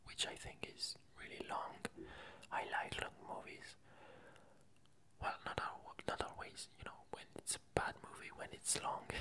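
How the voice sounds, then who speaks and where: A bright, unhurried ASMR whisper carries a casual, wandering conversation. The creator behind the video stumbles a bit, pausing and fixing their own words.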